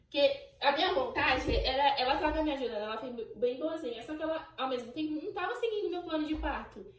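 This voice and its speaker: A woman's voice: high-pitched, fast talker, reverberant, far from the mic, rough recording. Emotional young Brazilian woman telling a story. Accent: Brazilian Portuguese. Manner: emotional, animated storytelling, voicing remembered exchanges. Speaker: channel host. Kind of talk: personal birth story vlog.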